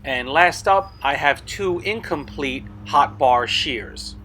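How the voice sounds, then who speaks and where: A man's voice: fairly high pitch, animated, slow, bright, forceful tone, a little hiss or hum. A man narrating a product showcase as a video host, explaining details in a matter-of-fact way. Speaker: blacksmith video host selling tools.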